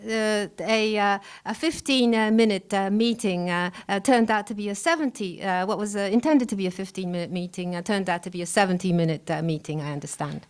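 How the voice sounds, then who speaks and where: A woman working as a live consecutive interpreter at a press briefing, rendering remarks into English in short, halting phrases with frequent pauses. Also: medium pitch, clean tone. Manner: halting, pausing often mid-phrase.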